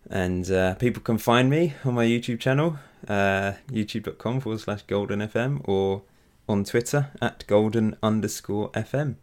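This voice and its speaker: A man's voice: lowish voice, normal speed, hardly any pauses, a little mellow. A man, talking casually and a little hesitantly as an interview guest. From Chelmsford, Essex, England. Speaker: podcast guest, gaming YouTuber.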